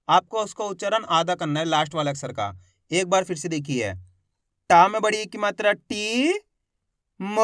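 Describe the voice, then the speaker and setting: A man teaching Hindi reading, sounding out syllables slowly and addressing viewers as friends. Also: sits high, fairly bright tone, no echo, clean studio sound. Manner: slow drawn-out syllables when sounding out words. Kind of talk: spoken lesson to camera.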